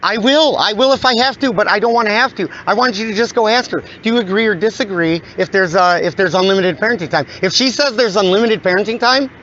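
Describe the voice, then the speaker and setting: Livestreaming his own dispute with police beside a traffic-filled street, a man pleads with the officers and his viewers in an agitated, insistent way, repeating himself over and over. His voice is high-pitched, strained and a bit bright, and he talks fast with few pauses. The outdoor recording is dull and lo-fi, with faint traffic noise behind him.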